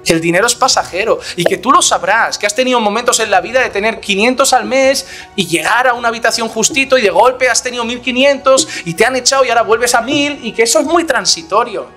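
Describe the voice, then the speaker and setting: A man preaches a sermon in a very high, bright, ringing voice. He is animated, acting out the voices he quotes and firing off rhetorical questions, and faint music plays behind him. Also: fast. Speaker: pastor.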